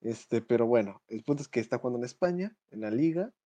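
A young Mexican man co-hosting a casual podcast, rambling in slang with plenty of fillers and restarts. His voice sits in a mellow, darker register at an ordinary pitch for a man. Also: lively intonation, fast talker. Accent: Mexican Spanish. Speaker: podcast co-host. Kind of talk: casual chat.

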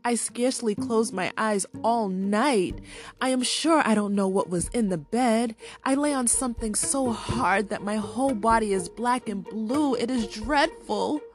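A woman's voice: on the high side, measured pace, voice pushed up, natural voice. A woman voicing a delicate, sensitive young princess who complains in a fragile way, in a bedtime storybook reading. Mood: plaintive. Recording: music playing underneath. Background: soft music.

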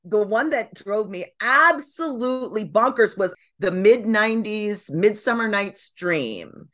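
A woman on a podcast as a guest and dramaturg, telling lively stories about stage and film. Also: medium pitch, unhurried. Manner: animated storyteller, acts out quotes. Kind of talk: casual chat.

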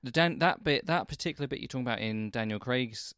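Smooth-voiced man in casual film chat. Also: mid-range voice, fast, fairly bright tone, dry recording, studio quality. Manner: hesitant, restarts, thoughtful. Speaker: film podcast co-host.

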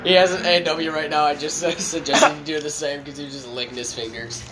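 A man's voice: a little high, steady tone, fairly quick. A young man co-hosting a casual podcast chat, joking around and laughing often. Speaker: podcast co-host. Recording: noisy podcast recording.

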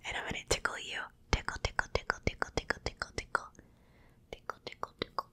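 A woman whispering softly through a whole ASMR roleplay, close to the microphone, repeating gentle words and coaxing the listener to relax. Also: fast talker. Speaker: ASMR creator.

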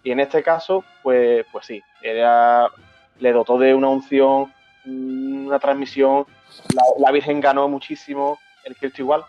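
A man's voice: mid-range voice, fairly even intonation. A man hosting a talk, telling a memory with many stops and repeated words. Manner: halting, repeats words, moved. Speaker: host of a brotherhood talk show. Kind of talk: emotional storytelling in casual chat. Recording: dull lo-fi sound with faint music.

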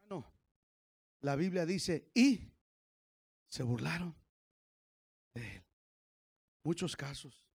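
A male pastor preaching a sermon, moving from loud sung praise to quiet storytelling and joking asides to the congregation. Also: big pitch swings, takes it slowly, long pauses, husky. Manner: swings from shouted sung praise to low storytelling. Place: church.

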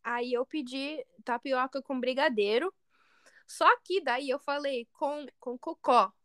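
Co-host: American-accented woman, hesitant, restarts often, high pitch. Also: slow, a bit bright, clean tone, no echo, studio quality. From United States. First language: English. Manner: hesitant, searching for words, many restarts. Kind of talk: casual podcast chat.

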